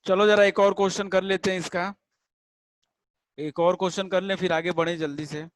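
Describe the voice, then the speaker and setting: A man teaching a chemistry class, patiently checking that students understand and drawing out English terms slowly. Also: high-pitched, steady tone. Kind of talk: classroom lecture.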